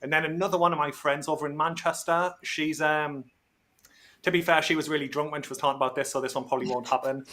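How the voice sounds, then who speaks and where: A man with a fairly high voice chats casually as a livestream guest. His talk is informal and matey, full of everyday slang. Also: steady tone, fast, a bit bright. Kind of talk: casual chat. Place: remote video or voice call.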